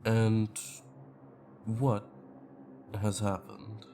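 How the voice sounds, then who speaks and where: A man's voice: lowish voice, little pitch movement, very slow, warm tone, faint music behind. An actor playing a wary man answering a phone, guarded and dry.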